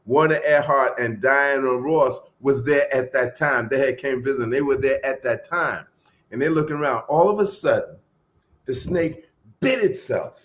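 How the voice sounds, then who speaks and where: A man telling stories in a casual group chat, animated and acting out the people in them. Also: mid-range voice. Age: 20s. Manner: animated storyteller, acts out voices and quotes.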